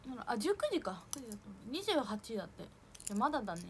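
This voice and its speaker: Young female streamer, very high and lively, talks fast, noisy stream audio. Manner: quick, bouncy, thanks viewers for gifts. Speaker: idol livestreamer. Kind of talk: casual livestream chat.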